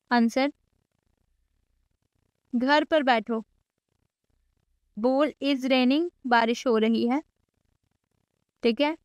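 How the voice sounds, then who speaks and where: Sitting high and smooth, a woman's voice leads a laid-back screen-recorded coding class, mixing Hindi with English code vocabulary and slipping in teasing remarks to her students. The sound is lo-fi, with no room sound.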